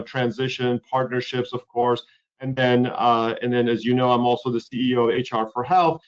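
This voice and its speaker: A man at a mid-range pitch, running a webinar in a loose conversational way. He circles back and restarts his sentences and fills pauses often. The sound is dull and lo-fi, like a video-call mic. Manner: rambling, repeats words and uses many fillers. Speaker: webinar host, healthcare lawyer.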